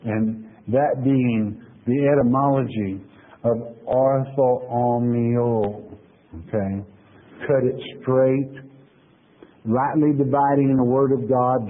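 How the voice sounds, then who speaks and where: Over thin, phone-quality audio, a husky-voiced male pastor at medium pitch preaches through scripture in a relaxed, chatty sermon. He takes his time reading each verse aloud before unpacking it simply, tossing in frequent "okay?" check-ins along the way.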